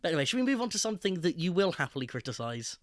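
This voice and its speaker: Higher-voiced opinionated male co-host. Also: sing-song, dry recording, studio quality. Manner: opinionated, deliberate emphasis. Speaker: podcast co-host. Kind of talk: casual tech chat.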